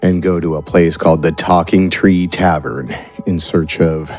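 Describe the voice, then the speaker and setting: This game master has a deep, steady, slightly mellow voice and speaks a little slowly. Narrating a tabletop fantasy game, he improvises conversational descriptions while feeling his way through them, and music sits under his voice.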